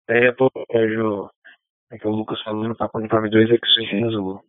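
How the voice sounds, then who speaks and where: A man's voice: lowish voice, level tone, fast talker, no echo. A Brazilian man in casual, rambling chat as a participant on an amateur radio net, heard over the radio. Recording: phone-like narrowband radio audio.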